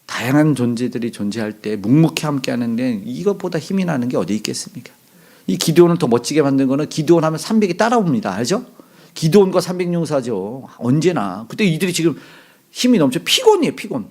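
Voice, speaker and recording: Lively, chatty male pastor preaching. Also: a little high, quick pace. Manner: conversational, asks the congregation questions; acts out quoted lines with sudden loud bursts. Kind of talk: sermon.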